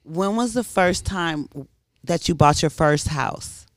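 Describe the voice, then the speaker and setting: A man's voice: on the high side, animated, slow, fairly bright tone, dry recording, clean studio sound. A man on a podcast asking upbeat, teasing questions in casual chat.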